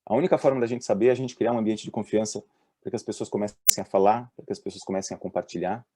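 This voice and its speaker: A man with a Brazilian accent, a doctor giving a talk on mental health at work, telling lively stories and voicing the people in them. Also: fairly low pitch, very fast, noisy background. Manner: lively storyteller, voices the people in his stories. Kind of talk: presentation with acted-out anecdotes.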